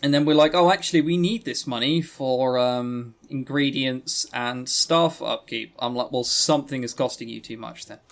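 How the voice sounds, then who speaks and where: Speaking at normal speed with hardly any pauses, this medium-pitched man co-hosts a podcast about visual novels. He offers casual, opinionated reviews laced with sarcastic, joking exasperation.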